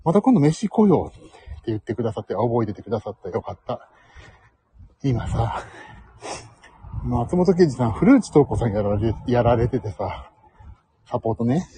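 Breathless man muttering softly while walking. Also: medium pitch, slightly rough, low-quality recording. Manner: talking softly under his breath. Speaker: live stream host. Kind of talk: casual live-stream chat while walking. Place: outdoors, walking home from the station. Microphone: phone mic.

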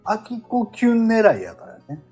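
A man chats in a Kansai accent, easygoing and a little teasing as he explains at length. His pitch swings widely as he talks. Soft music sits faintly in the background. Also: huge pitch swings, normal speed, husky. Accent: Kansai Japanese. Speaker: co-host of a live audio talk show. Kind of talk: casual chat.

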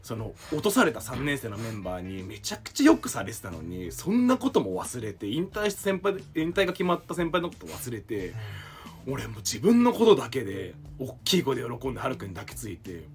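A young man co-hosting a casual podcast, telling a story to friends, acting out quotes and bursting into loud exclamations. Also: medium pitch, huge pitch swings, fairly quick, faint music behind. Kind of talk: casual chat among friends.

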